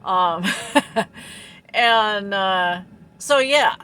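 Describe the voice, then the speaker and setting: Woman trucker rambling thru a story, lots of ums, faint truck rumble behind. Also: drawn-out words, sharp tone, poor audio. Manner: rambling, many ums and laughs. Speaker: truck driver. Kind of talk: casual storytelling vlog.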